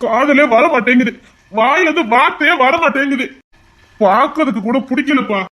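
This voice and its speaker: An actor playing a lovesick son in his twenties, who refuses an arranged marriage in a low, subdued, stubborn voice. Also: brisk, pushed and bright, exaggerated voice. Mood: stubborn, pleading. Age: 20s. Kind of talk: amateur audio drama.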